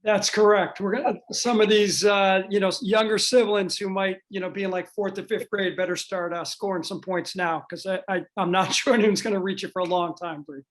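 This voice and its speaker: A man's voice: sits high, steady tone, a little fast, hardly any pauses. A man hosts an online school athletics panel. He introduces guests with eager praise and talks with plenty of "uh"s. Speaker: dean of athletics, event host.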